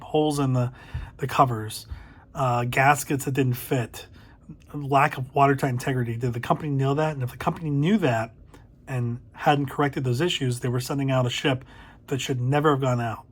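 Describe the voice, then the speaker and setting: A man's voice: mid-range voice, breathy edge. A middle-aged man hosting a casual spoken book review, thoughtful and a little hesitant, correcting himself as he goes. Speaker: book reviewer, channel host.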